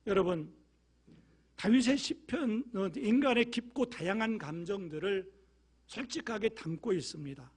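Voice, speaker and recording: A male pastor delivers a sermon in a high voice. He moves between quiet, low passages and loud, forceful appeals. He voices the prayers he quotes with emotion. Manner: swings from hushed, low asides to loud, emphatic appeals.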